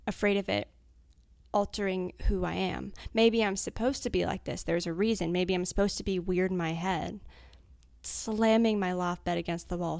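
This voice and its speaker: A woman's voice: medium pitch, gravelly, dry recording, studio quality. A woman in her twenties, an anonymous interviewee, speaking bluntly and confessionally, swearing freely, in fragments of a candid interview. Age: 20s.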